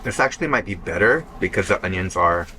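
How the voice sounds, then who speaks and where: A man's voice: deep voice, lively intonation, fast, bright, forceful tone, slight background noise. A young man vlogging casually while eating, chatting between bites and sometimes talking with his mouth full. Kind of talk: casual vlog talk to camera while eating. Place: burger restaurant.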